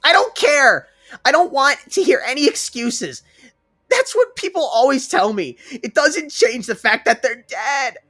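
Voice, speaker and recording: A man voicing a young boy who is angry and grieving and who speaks in shrill, tearful outbursts. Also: very animated, measured pace, pushed and bright, slightly rough, soft background music, full character voice.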